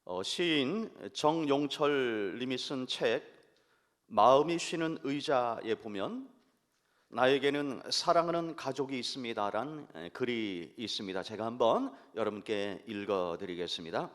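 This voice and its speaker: A man preaching a sermon as pastor, measured and earnest, letting his voice fall low and soft at the end of phrases. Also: animated, big-room sound. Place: church sanctuary.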